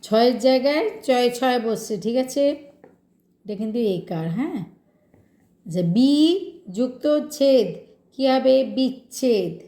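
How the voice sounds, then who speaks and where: Woman teacher, higher voice, deliberate questioning delivery, roomy recording. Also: expressive, warm tone. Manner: slow, patient, asks students questions. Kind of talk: Bengali grammar lesson.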